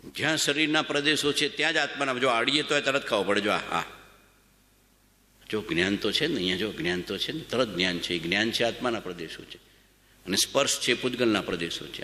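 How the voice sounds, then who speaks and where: A man giving a devotional sermon, repeating phrases in a chanting rhythm and swinging between emphatic high lines and soft low ones. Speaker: spiritual discourse speaker. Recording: long hall reverb.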